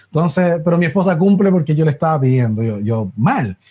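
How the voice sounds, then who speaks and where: A man's voice: a little high, fairly quick, warm tone, husky. A middle-aged man telling a sermon testimony, with many restarts and acted-out voices. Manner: storytelling with many restarts, acts out quoted voices. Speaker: preacher giving a testimony.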